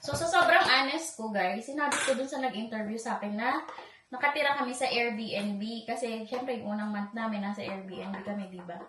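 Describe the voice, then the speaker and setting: A woman's voice: fairly high pitch, normal speed, background noise. Chatty woman from the Philippines, echoey. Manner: chatty, confiding, keeps addressing viewers directly. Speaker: vlogger. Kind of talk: casual storytelling to viewers. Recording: echoey room, voice distant from mic.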